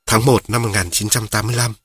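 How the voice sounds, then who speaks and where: A man reading children's stories aloud in a steady, measured storytelling style. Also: lowish voice, breathy edge, no room sound, clean studio sound. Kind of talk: scripted storytelling narration for children.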